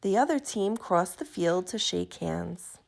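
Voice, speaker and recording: A woman reading a children's picture book aloud in an expressive, deliberate, emphatic way. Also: on the low side, creaky. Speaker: storybook reader.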